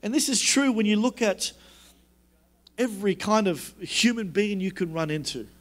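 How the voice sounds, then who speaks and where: A man preaching a sermon as a pastor, emphatic and repetitive, dropping low and soft when he quotes God's words. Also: animated, normal speed.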